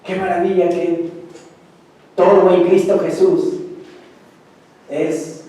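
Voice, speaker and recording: A man's voice: high-pitched, flat delivery, takes it slowly, warm tone, heavy reverb, distant mic, rough recording. A man preaching a sermon as pastor, pressing his points with repeated phrases and rising emphasis. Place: church.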